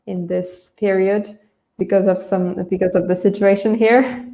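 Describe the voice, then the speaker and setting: Unhurried and warm, this Dhaka-raised Bangladeshi English teacher speaks in a steady, mid-range voice while hosting a webinar, explaining lesson points casually and a bit hesitantly. The recording is roomy and echoey, with a slight hiss or hum.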